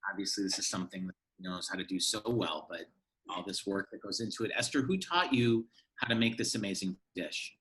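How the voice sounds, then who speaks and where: A man's voice: sits low, brisk, a bit bright, rough recording. A man hosting an online cooking series, giving formal introductions and asking his guest curious questions. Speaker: host.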